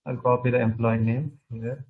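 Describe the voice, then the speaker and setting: Guy demoing his project on a video call while sharing his screen, pretty monotone, lots of uh's, dull muffled sound. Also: medium pitch. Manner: halting, heavy on filler sounds. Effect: video call audio while sharing his screen. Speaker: hackathon team presenter. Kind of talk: product demo pitch.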